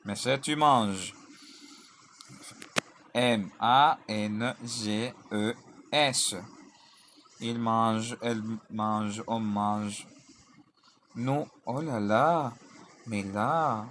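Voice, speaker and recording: A man's voice: mid-range voice, a bit bright, a little hiss or hum. A man teaching a grammar lesson, drilling verb conjugations in lists and spelling out word endings letter by letter. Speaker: language teacher.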